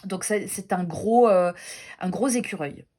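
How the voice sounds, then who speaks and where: A tarot and oracle deck reviewer chats casually while showing off her decks, her medium-pitched voice mellow and measured. She gushes and pokes fun at herself, with plenty of fillers and restarts in this show-and-tell.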